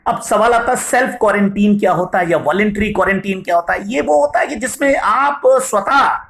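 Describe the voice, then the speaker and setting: Male English vocabulary tutor, patient explainer who slows down on English examples. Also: high voice, vocal fry, fairly bright tone. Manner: addresses viewers as "sahab", frequent "right?". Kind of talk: video vocabulary lesson.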